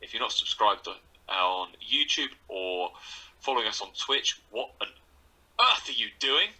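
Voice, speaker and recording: Male co-host, casual banter, lowish voice, very bright tone. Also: animated, moderate pace, husky, rough recording. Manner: chatty, laughing, banter-heavy. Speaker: podcast co-host. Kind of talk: casual chat.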